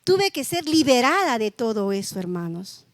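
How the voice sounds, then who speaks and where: A middle-aged woman pastor with a high voice delivers a sermon in a conversational, testimonial way, often tossing in tag questions to her congregation. The sound is dry and close, with little room echo. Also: big pitch swings, moderate pace.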